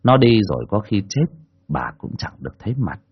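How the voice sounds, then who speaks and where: A man narrating a folk tale in an expressive, colloquial way. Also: lowish voice, a little fast, breathy edge, muffled recording. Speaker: storyteller. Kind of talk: dramatic audiobook narration.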